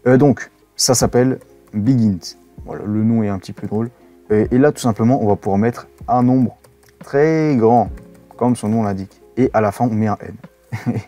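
A man's voice: fairly low pitch, steady tone, brisk, mellow, dull audio, faint music behind. A man giving a casual coding tutorial, rambling with many fillers and self-corrections. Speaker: web development instructor.

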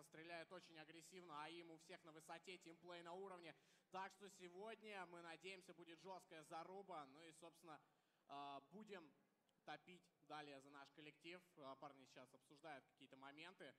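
A man's voice: fairly high pitch, steady tone, normal speed, fairly bright tone. A young man commentating live on an esports match through a headset in an arena. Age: young adult. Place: caster desk on stage in large indoor arena. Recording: reverberant large event hall.

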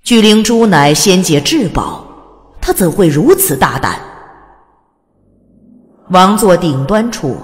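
A deep-voiced woman narrates a fantasy audiobook, telling the scripted story dramatically, with reverb on her voice.

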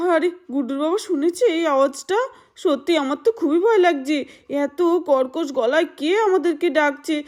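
A woman's voice: high voice, close to an everyday voice. A woman voicing Radha, a fretful young village mother soothing her children, in a doll-play story.

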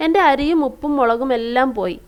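A woman's voice: sits high, expressive, a little fast, smooth. A woman voicing a small, frightened girl in a story reading, pleading tearfully. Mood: upset. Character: small frightened poor girl who spilled rice.

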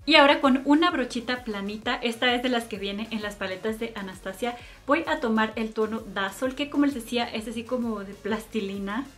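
A woman's voice: fairly high pitch, fairly quick, hardly any pauses, soft background music. A woman giving a chatty makeup tutorial and product review, fond of cute diminutives. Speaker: beauty vlogger.

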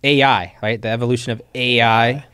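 A man co-hosting a podcast as a real estate agent, chatty and quick to laugh. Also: mid-range voice, fairly even intonation, fairly bright tone, clear, resonant tone, no room sound, clean studio sound. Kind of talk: casual podcast chat.

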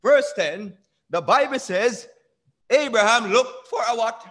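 A young man with an extremely high, animated, slightly bright voice delivers a sermon from a small church pulpit. He draws out key words, questions the congregation call-and-response style, and is recorded on a pulpit microphone on a stand.

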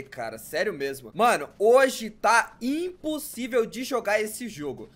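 A young man with a Brazilian accent giving casual gameplay commentary, exasperated and loud, full of slangy filler words. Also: very high-pitched. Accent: Brazilian Portuguese. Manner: exasperated, complaining about bugs. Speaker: gamer.

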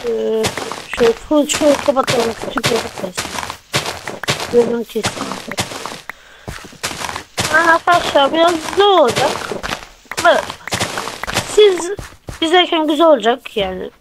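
A gameplay channel host with a fairly high voice chats loosely with viewers as she builds, counting blocks and correcting herself along the way. She talks at a normal speed with long pauses, over a steady hiss and clicks.

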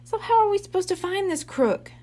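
Squeaky, eager young boy detective in a storybook, read by a woman. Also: expressive, fairly quick, warm tone.

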